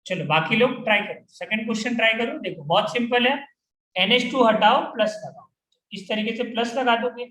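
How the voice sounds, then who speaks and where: This chemistry lecture features a man with an extremely high, bright, forceful voice, talking fairly quickly. He repeatedly fires questions at the class and drills the answers, and the room echoes.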